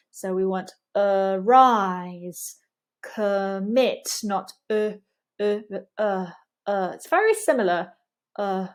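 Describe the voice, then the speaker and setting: Woman pronunciation coach, unhurried, patient, models sounds by drawing out repeated words. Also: mid-range voice, a little mellow. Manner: demonstrates sounds by repeating words with exaggerated mouth movement; patient, explanatory. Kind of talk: pronunciation lesson.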